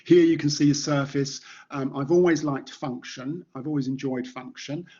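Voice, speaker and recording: A middle-aged man from Kent in England with a light Estuary English accent, giving an informal artist talk as a ceramicist in a halting, reflective manner. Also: fairly high pitch, fairly even intonation, darkish tone, slightly rough, lo-fi sound. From Maidstone, Kent, England. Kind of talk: informal slide presentation.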